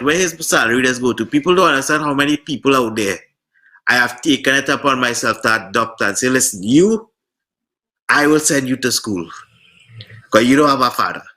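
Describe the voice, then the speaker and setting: A Trinidadian man speaking as a guest on a talk show, earnest and heartfelt, sometimes halting over his words. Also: medium pitch, pushed and bright. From Trinidad and Tobago. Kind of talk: casual political chat.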